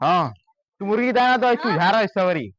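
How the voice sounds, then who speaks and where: A mid-pitched voice with a Bhojpuri accent gives out chores as a contractor in a rustic comedy sketch. The tone is plain and matter-of-fact. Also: lively intonation, normal speed, muffled recording, over a noisy crowd.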